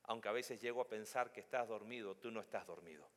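A man preaching a sermon as pastor, moving between quiet, low reflection and loud, high emphasis, and putting questions straight to his listeners. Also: fast talker. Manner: addresses listeners directly with questions. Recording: long hall reverb.

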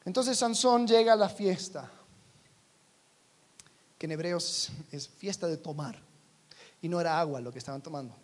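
A man preaching a sermon in a conversational way, asking his listeners many rhetorical questions and dropping to a quiet voice on key points. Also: fairly high pitch, moderate pace, pauses often.

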